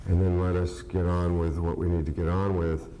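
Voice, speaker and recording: A man speaking as an official in a government meeting, halting and hesitant, with a quiver in his voice. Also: sits low, flat delivery, dark tone, a little hiss or hum, low-quality recording. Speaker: county official. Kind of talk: unscripted formal remarks at a government meeting. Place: indoor government meeting room.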